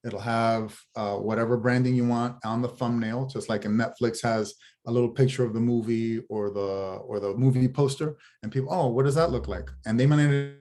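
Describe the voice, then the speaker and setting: A man pitching his streaming app in a casual business chat over a video call, rambling with many restarts. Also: fairly even intonation, moderate pace, few pauses, warm tone. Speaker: guest, TV show founder.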